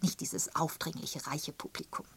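A woman reading the part of a gossiping, sharp-tongued spinster in an audiobook, pointed and emphatic in tone. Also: low-pitched, steady tone, moderate pace, breathy edge, full character voice. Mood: gossipy. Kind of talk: audiobook character voice.

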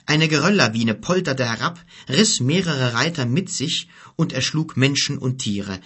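Male audiobook narrator, husky, middle pitch, even scripted storytelling.

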